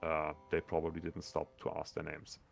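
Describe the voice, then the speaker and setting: A man with a low, gravelly, sonorous voice running a tabletop game as game master, rambling with many fillers. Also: monotone, normal speed.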